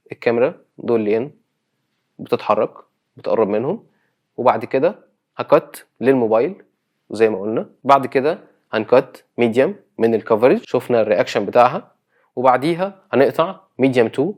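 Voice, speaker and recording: Rapid-fire Egyptian man teaching film. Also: mid-range voice. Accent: Egyptian Arabic. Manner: explains step by step, reading script lines aloud. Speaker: filmmaking instructor. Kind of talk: scripted tutorial explanation.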